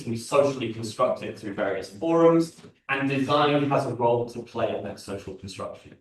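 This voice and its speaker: A man with a London accent lectures at a design conference, earnest, restarting phrases and filling pauses as he thinks aloud. His voice sits in the middle range and is picked up from some distance, so it sounds thin against the room. A heavy, ringing echo from the large hall surrounds every word. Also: medium pitch. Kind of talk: conference talk. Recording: very echoey hall from far off.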